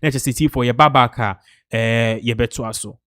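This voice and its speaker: A Ghanaian man with a Ghanaian accent presenting online news commentary, switching between Twi and English in an animated, repetitive way. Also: mid-range voice, normal speed, smooth, dry recording, studio quality.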